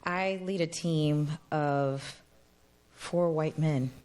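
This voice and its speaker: Woman panelist, very low voice, earnest, measured, candid. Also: a little mellow, clear, resonant tone. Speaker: panelist, team leader. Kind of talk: panel discussion.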